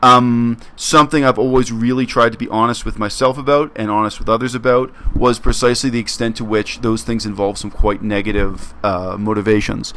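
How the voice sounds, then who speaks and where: A man from Canada talking earnestly to his viewers in a casual monologue, reflective and halting, often restarting his phrases. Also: medium pitch, steady tone, fairly bright tone. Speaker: YouTube commentator.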